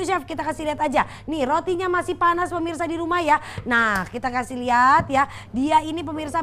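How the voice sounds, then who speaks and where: A woman presents a home-shopping infomercial in a very high voice. Her delivery is urgent and exclamatory, speaking straight to the viewers. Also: fairly bright tone. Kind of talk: infomercial sales pitch, live home-shopping.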